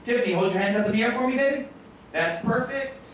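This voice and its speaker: A man's voice: very high voice, quick pace, distant mic, slight background noise. A man working as a stage hypnotist, joking brashly and crudely with volunteers on stage in front of a live audience. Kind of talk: live stage show patter. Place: stage in a large room before an audience. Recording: very echoey live room, captured from afar.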